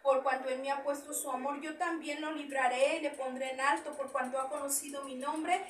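High-voiced woman pastor preaching. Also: fairly quick. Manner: animated preaching, repeats phrases, gestures with raised hands. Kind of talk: Spanish sermon with Bible reading. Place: small church hall indoors. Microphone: far camera, no mic. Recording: echoey room from far off with faint noise.

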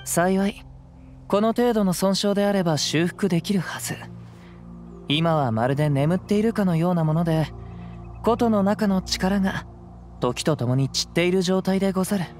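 A male actor playing a gentle, poetic young wandering samurai in a video game, speaking calm, measured, old-fashioned samurai Japanese. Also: high voice, lightly acted. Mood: calm, assured. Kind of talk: scripted game dialogue. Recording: clean voice over background music.

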